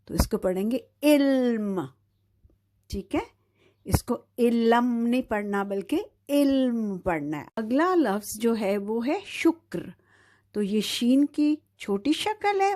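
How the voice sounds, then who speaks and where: A woman from Pakistan leads a children's Urdu phonics lesson, drawing out each syllable slowly and clearly. Her voice sits a little high, and she keeps pausing to check the learner is following. The delivery is unhurried and patient throughout. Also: darkish tone. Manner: slow, patient, drawn-out syllables with repeated checks of "theek hai". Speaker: Urdu teacher.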